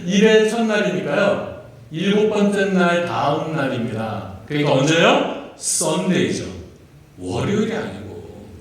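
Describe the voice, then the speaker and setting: A man's voice: high voice, very animated, slow pace. A male pastor giving a playful sermon, joking and asking his congregation questions. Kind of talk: sermon with jokes and congregation interaction. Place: church sanctuary. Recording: echoey church hall, mic at a distance.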